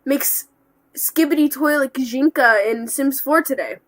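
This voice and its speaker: A wide-eyed, gushing fan speaks in a hollow voice, as if piped through a test tube, as a woman streamer puts it on. The voice sits fairly high and comes out loud and over-eager, with a mock-innocent gee-whiz manner. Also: unhurried, no room sound. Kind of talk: livestream banter.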